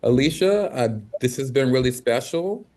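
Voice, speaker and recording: A man hosting a casual livestream chat as co-CEO, upbeat, chatty and quick to laugh. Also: mid-range voice, expressive, darkish tone. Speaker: co-CEO and host. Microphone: video call.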